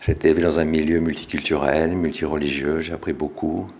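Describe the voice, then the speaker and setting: A middle-aged French man, an author, giving a relaxed public talk with small self-corrections. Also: extremely low pitch, fast. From France. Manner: relaxed, self-deprecating, with restarts. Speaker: author and speaker.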